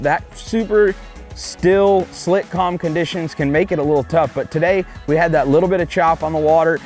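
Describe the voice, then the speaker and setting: A man with a slightly high, lively voice, chatting with plenty of enthusiasm as he fishes from a boat out on the water. Soft music plays faintly behind him. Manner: enthusiastic, exclamatory. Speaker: fishing show host. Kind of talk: casual on-camera chat while fishing. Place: on a fishing boat outdoors at sea.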